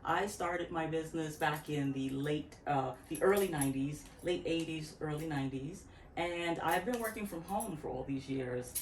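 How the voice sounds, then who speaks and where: A woman in her fifties from Barbados talks reflectively at her home, drifting through restarts and asides. Her voice sits low, and she is recorded from a distance in an echoey room with faint background noise. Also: moderate pace. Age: 50s. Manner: reflective, rambling with restarts and laughs. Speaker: interview guest, natural hair care practitioner. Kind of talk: casual interview talk. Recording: echoey room, far from the mic.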